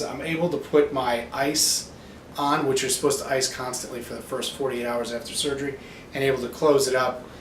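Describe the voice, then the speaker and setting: A man's voice: mid-range voice, a bit bright. A man speaking as a doctor in a casual explanatory video diary, matter-of-fact and explaining medical terms. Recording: echoey room, distant mic, faint noise.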